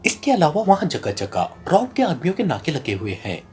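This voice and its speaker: This audiobook excerpt features a narrator playing a ruthless criminal boss turned informant, explaining things at length and in earnest. The pace is fairly quick, the medium voice slightly mellow with wildly swooping pitch, and soft music sits in the background.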